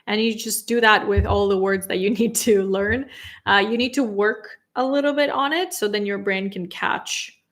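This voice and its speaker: A Romanian-speaking woman from Moldova, in her thirties, teaches English pronunciation on a live stream. In a medium-pitched voice she patiently repeats words slowly and chats casually, relaxed and full of fillers.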